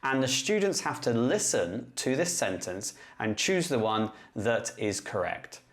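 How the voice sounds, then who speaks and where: A man who teaches English, talking through a step-by-step tutorial in a clear, methodical way. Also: medium pitch, sing-song, measured pace. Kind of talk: classroom-tech tutorial explanation.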